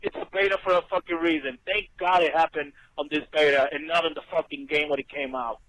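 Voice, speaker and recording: A man's voice: on the high side, fairly even intonation, brisk, a bit bright, no echo, low-quality recording. A tired man leaving a casual voice message from a moving car, played back through a speaker, swearing freely. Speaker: listener calling in with a voice message.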